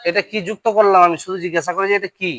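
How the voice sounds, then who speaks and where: A teacher leading a classroom Quran reading lesson, calling out Arabic letters and vowel syllables one by one for students to repeat. The voice sits at an ordinary middle pitch, and the sound is dry and close with little room echo. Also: fairly even intonation, rapid-fire, a bit bright. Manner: drills syllables aloud, often checks understanding. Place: classroom with a board.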